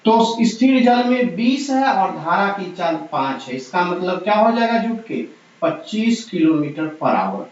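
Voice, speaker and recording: A male math teacher, talking through exam problems step by step and repeating the numbers aloud in an encouraging way. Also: high voice. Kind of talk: exam-prep math lesson. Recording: very echoey, dull lo-fi room sound.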